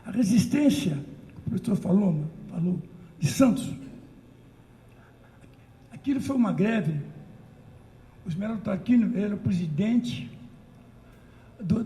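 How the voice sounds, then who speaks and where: An older Brazilian woman telling an animated, emotional story of remembered traditions at a community talk circle. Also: mid-range voice, moderate pace, creaky, long pauses. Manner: animated, emotional, breaks into chanted calls. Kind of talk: storytelling recollection. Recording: roomy echo.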